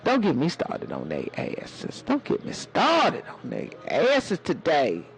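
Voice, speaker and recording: A man playing a sassy, preachy elder woman who calls her listeners baby and honey, his voice hoarse. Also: a little high, huge pitch swings, takes it slowly, full character voice, low-quality recording. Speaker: live-stream host. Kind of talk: preachy casual live-stream talk.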